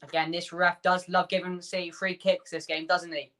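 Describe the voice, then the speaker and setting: A man hosting a fan watchalong, calling the match player by player in quick bursts and chatting with his viewers between the action. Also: high-pitched, flat delivery, pushed and bright. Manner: rapid player-by-player calls, chatty asides to viewers. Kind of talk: live play-by-play fan commentary.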